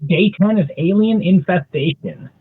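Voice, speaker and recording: A man's voice: sits high, normal speed, husky, narrow, tinny audio. A man, an artist, casually talks through the panels of his own comic strip in a storytelling way, often repeating words as he goes. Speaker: artist presenting his drawings.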